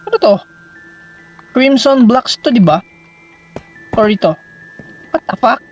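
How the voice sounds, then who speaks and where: A woman's voice: on the high side, lively intonation, slow pace, slightly rough. A young Filipino woman playing a horror game as a let's play, swearing a lot, yelping at scares and mixing Tagalog with English. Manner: jumpy, swears a lot, yelps and shrieks at scares; mixes Tagalog with English, calls viewers "boy". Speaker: gaming YouTuber. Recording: slightly dull lo-fi sound, faint game music.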